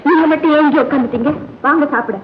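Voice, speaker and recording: An actress playing a devoted young village wife in an old film melodrama, with an emotional, pleading manner. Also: female voice, high-pitched, fast talker, slight background noise, natural voice. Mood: warm. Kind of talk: 1960s Tamil film melodrama. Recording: dull old film soundtrack with music.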